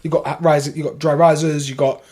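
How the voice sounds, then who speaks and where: A man with a London accent, a podcast guest telling a long story in a casual way, animated, swearing freely and restarting his sentences. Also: on the high side, normal speed, husky.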